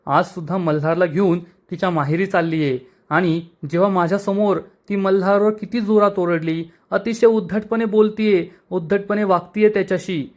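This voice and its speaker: A man's voice: sits high, steady tone, normal speed, few pauses, pitched above the performer's own voice, lightly acted. A man voicing a stern, scolding older aunt in a retold TV serial, talking sharply.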